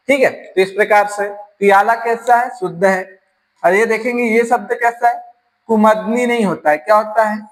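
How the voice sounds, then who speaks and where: High-voiced Rajasthani man teaching grammar. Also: a bit bright, rough recording. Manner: explains step by step, asks and answers his own questions. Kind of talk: exam-prep grammar lesson.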